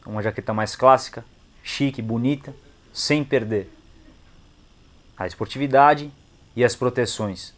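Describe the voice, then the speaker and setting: A young Brazilian-accented man, medium in pitch, talks through a product review at a measured pace with long pauses. His style is casual and slangy, with clipped phrases. He's recording inside a motorcycle gear shop, where the ambient noise is clearly audible.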